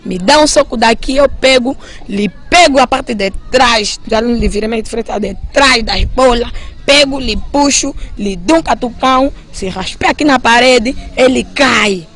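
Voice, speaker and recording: A woman with an Angolan Portuguese accent, giving an animated, emphatic spoken account of a night break-in. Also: moderate pace. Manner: animated, emphatic retelling with sudden rises in pitch and loudness. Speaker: eyewitness recounting a break-in.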